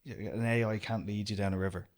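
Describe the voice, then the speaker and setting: With a fairly low voice and a brisk pace, a young man from Ireland who owns an outdoor business rambles through a casual podcast interview. He sounds relaxed and keeps saying "do you know."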